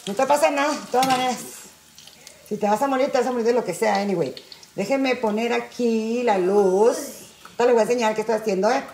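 A middle-aged woman with a Mexican Spanish accent chats on a phone livestream while she cooks in her kitchen, tipsy and high. She rambles through crude, joking stories in a voice pitched a little high. There is a faint hiss behind her. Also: quick pace, darkish tone. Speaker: cooking livestream host. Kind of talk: casual livestream chat while cooking.

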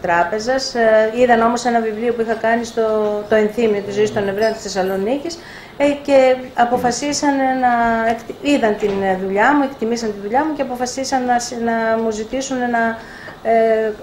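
An older woman publisher telling lively anecdotes in an interview, acting out the dialogue. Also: on the high side. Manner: animated anecdotes with acted-out dialogue. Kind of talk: storytelling in a live interview. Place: bookshop event room. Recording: echoey room, faint background noise.

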